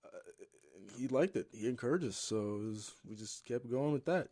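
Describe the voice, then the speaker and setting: A man's voice: medium pitch, animated, normal speed, darkish tone. A man, a gaming YouTuber, rambling through a casual story with loose swearing and plenty of fillers.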